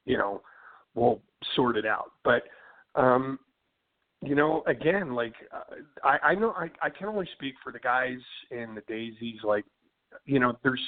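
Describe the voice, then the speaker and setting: A Philly-accented rock band singer, speaking as an interview guest, chats casually and loosely with plenty of fillers and false starts, often adding "you know what I mean." His middling-pitched voice is expressive and a little slow, heard through a thin, tinny phone line.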